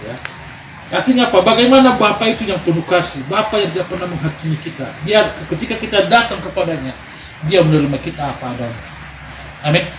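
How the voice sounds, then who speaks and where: Preaching at a men's gathering, this man tells animated stories and calls out for amens. He talks fast in a high-pitched voice, and the recording has echo and background noise.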